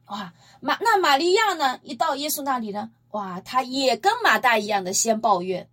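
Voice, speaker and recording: Retelling scripture with emphatic, lively storytelling, a woman delivers a Bible-teaching sermon in a high voice at a moderate pace. She poses rhetorical questions to those listening.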